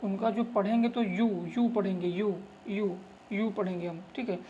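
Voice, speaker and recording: A man's voice: sits high, fairly even intonation, normal speed, mellow, dull audio, slight background noise. Man teaching grammar, repetitive coaxing. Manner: repetitive, coaxing, keeps saying "look" and "okay"; calls students "babu" affectionately. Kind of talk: tutorial lesson.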